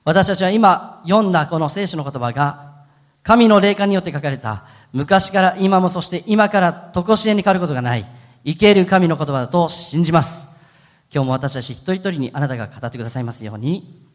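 A man pastor preaching a sermon in a gentle, conversational way with frequent fillers. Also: fairly high pitch, expressive, brisk, long reverb tail.

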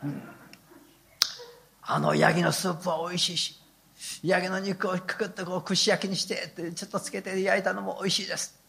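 A man's voice: high voice, little pitch movement, fairly quick, gravelly, pauses often, a bit bright. A man voicing a hungry apostle who prays and pleads in a chatty way. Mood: eager.

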